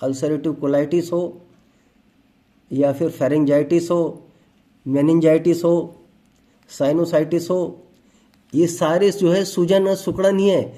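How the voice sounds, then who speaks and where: Man, wellness talk, fairly high voice, mellow tone, explains with everyday examples. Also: fairly even intonation, slow, pauses often. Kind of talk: motivational health talk.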